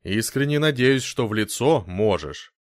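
A man voicing a gruff, blunt, hot-tempered Scottish man in an audiobook, talking curtly and snapping. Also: mid-range voice, expressive, unhurried, dry recording, clean studio sound, close to an everyday voice. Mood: angry.

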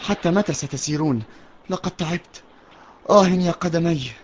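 A man's voice: a little high, moderate pace, dull audio, a little hiss or hum, lightly acted. A man playing a timid young boy. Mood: wondering. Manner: fearful, stammering when scared. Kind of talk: children's audio drama.

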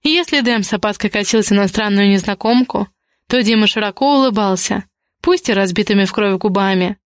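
A woman reading a novel aloud as an audiobook narrator, in steady storytelling. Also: mid-range voice, brisk, clean tone, no echo, clean studio sound.

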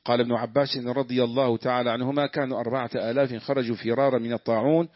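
Quick man reading classical text. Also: medium pitch, level tone, no room sound, muffled recording. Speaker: student reading the text aloud.

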